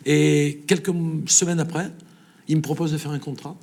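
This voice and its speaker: A man with a southern French accent, a singer, telling lively anecdotes in an interview and laughing often. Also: fairly high pitch, moderate pace, gravelly. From south of France. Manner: lively storyteller, laughs often, acts out dialogue. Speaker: singer guest. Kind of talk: storytelling interview.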